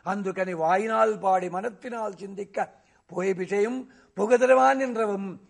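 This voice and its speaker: A man giving a devotional discourse on scripture. He recites verses slowly and asks rhetorical questions that he then answers himself. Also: high-pitched, gravelly. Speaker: religious discourse speaker.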